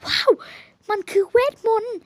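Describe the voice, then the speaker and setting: A young woman chatting playfully and politely while playing a multiplayer game, bubbly and excitable. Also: unhurried, no echo. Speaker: game streamer. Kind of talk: casual multiplayer game commentary.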